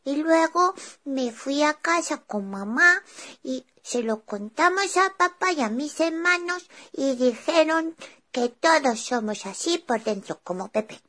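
A cheerful little boy, voiced by a woman, tells his story in a high, bright-sounding voice. He rushes through it eagerly and trips over his restarts. It is children's show storytelling. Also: expressive. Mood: earnest. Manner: eager, breathless retelling with stammered restarts. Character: young boy, cheerful and chatty. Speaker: child character telling a story.

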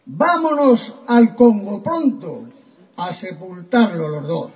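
A man's voice: high voice, animated, slow pace, darkish tone, full character voice. A man voicing a lovesick young noblewoman who declaims overwrought, mock-tragic verse in a comic poem. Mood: melodramatic.

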